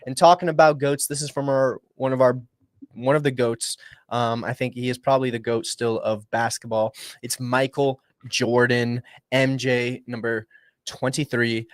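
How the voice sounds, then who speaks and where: A man's voice: mid-range voice, flat delivery, normal speed, no room sound, clean studio sound. Upbeat rambling young male livestream host. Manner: rambling, upbeat, restarts often and shifts between hushed and loud. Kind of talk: casual motivational livestream talk.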